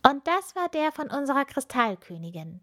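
In a clean studio recording with no room sound, a woman pitches her voice above her natural range to play a thoughtful young witch girl. Her high, very animated voice moves at a moderate pace with a fairly bright tone, rising in a questioning, inquiring way.

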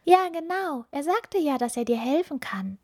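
A woman voicing an eager, bold little witch girl with a high, bright voice. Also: big pitch swings, moderate pace.

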